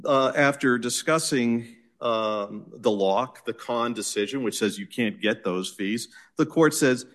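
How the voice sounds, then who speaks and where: Boston-accented man arguing in court. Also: medium pitch. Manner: measured, insistent legal argument. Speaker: attorney arguing an appeal. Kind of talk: courtroom oral argument.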